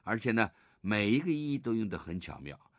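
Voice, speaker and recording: A male teacher with a lowish voice leads a poetry reading lesson and tells its backstory. His intonation swings widely, and he draws each line of verse out slowly. The recording is dry and close, with no room sound. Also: dry recording. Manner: expressive, drawn-out recitation of verse; guides listeners to read along.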